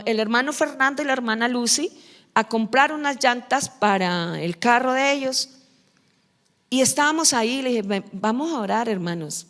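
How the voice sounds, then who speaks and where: Brief: Colombian woman pastor, highish voice, animated sermon storytelling, long church reverb. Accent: Colombian Spanish. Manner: lively storytelling preacher, acts out quoted voices. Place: church hall.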